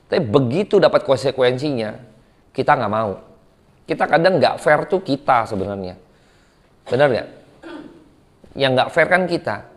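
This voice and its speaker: A man's voice: sits high, fairly bright tone. A man with an Indonesian accent preaching a sermon as a pastor, reading scripture and then explaining it in casual speech, often asking the congregation questions.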